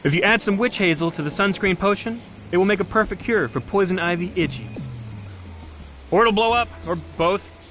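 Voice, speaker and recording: A man's voice: high-pitched, lively intonation, normal speed, a bit bright, slight background noise. A man voicing a quirky, laid-back forest wizard in a cartoon who rambles offhandedly. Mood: rambling. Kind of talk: cartoon voice acting.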